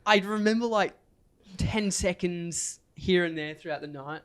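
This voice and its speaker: A man's voice: sits high, measured pace, clear, resonant tone. Laughing young man telling a party story. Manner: rambling, laughs often while telling stories. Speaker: podcast host. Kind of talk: casual storytelling chat.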